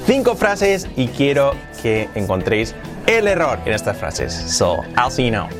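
A man with a Spain Spanish accent, an English teacher explaining grammar step by step and repeating English example sentences slowly. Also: medium pitch, huge pitch swings, music in the background.

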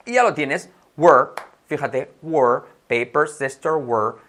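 A man's voice: a little high, slow, fairly bright tone. A man from Spain with a Spanish accent, an English teacher giving a casual lesson, switching between Spanish and English and repeating words as drills.

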